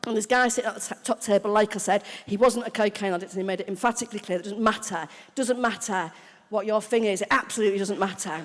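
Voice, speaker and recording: A woman with a British accent giving a frank, animated recovery testimony to a live audience, swearing freely and acting out her own past thoughts. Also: medium pitch, quick pace. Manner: frank, animated storytelling with swearing and mock quotes of herself. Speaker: main speaker at a recovery convention. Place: large convention hall. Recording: long reverb of a large hall.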